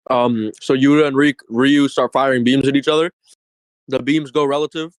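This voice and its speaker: A man acting as judge in an online debate, summarizing quickly with fillers. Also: medium pitch, steady tone, poor audio.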